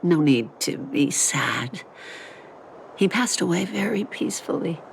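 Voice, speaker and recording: An actress playing a tender older mother, speaking softly and slowly over game music. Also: lowish voice, lively intonation, gravelly, slight background noise. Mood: soothing. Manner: soft, slow and soothing. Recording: game score underneath.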